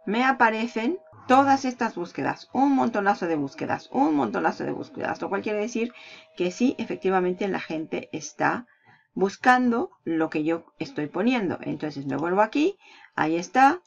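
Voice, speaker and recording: Lady doing a screen tutorial, bit of fry in her voice, dull lo-fi sound, keys clacking. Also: mid-range voice, expressive, normal speed. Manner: walks through steps while clicking, asks and answers her own questions. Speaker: online marketing tutor.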